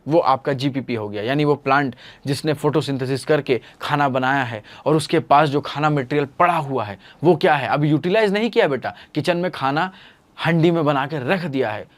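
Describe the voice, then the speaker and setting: A man's voice: fairly high pitch, moderate pace. A man teaching a biology lesson online in a playful, storytelling way, calling his students "beta".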